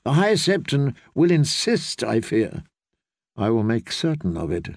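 A man reading an audiobook, voicing a scheming older queen mother who speaks with measured, condescending calm. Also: mid-range voice, dry recording, studio quality, voice pushed down.

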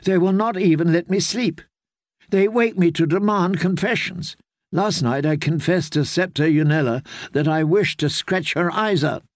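A man's voice: sits high, moderate pace, no room sound, studio quality, voice pushed up. A man voicing a proud, frightened young queen. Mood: aggrieved. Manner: heated, indignant pleading. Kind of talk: audiobook character reading.

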